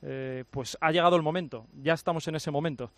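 A man's voice: on the high side, steady tone, a little fast, a little hiss or hum. A man hosting a radio sports show from the studio, conversational and asking his colleagues questions.

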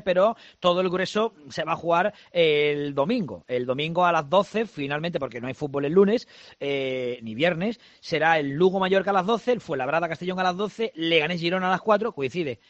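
Guy hosting sports radio, brisk and chatty, kinda high voice, dull dry studio sound. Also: fairly bright tone, no room sound. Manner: brisk, conversational, reads fixtures. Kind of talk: live sports radio chat.

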